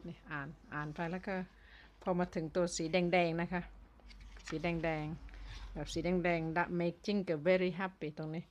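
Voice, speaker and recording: A woman who runs a toy shop, chatting casually as she shows off a new toy, explaining in short, plain phrases with pauses between them. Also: deep voice, level tone.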